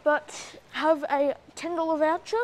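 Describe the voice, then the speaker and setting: A woman's voice: high-pitched, fairly even intonation, measured pace, slight background noise. A woman giving casual travel vlog commentary with dry, sarcastic asides, recorded on a handheld camera. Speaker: travel vlogger. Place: airport terminal and plane cabin.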